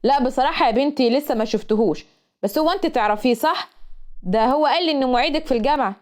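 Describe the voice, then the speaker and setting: A woman's voice: sits high, racing, natural voice. A woman voicing a stern middle-aged father with an Egyptian accent, scolding firmly. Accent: Egyptian Arabic. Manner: firm, scolding.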